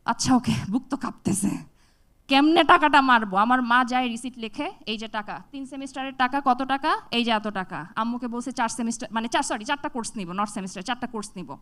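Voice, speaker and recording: A young woman speaks to an audience in a high, bright voice. She tells a personal story with energy and switches voices to play out the dialogue. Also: a little fast. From Bangladesh. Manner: animated, acts out dialogue with shifts in voice. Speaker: TEDx speaker. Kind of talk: storytelling talk.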